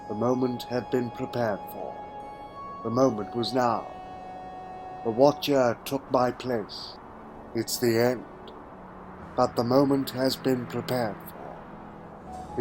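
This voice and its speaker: A man acts out a weary hero of time travel, telling his story as audio drama. His delivery is slow, solemn and theatrical, in a medium-pitched voice. Faint music plays behind him. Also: natural voice. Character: the Fourth Doctor, weary male time-travelling hero recalling his fall. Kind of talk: dramatic first-person narration in fan audio drama.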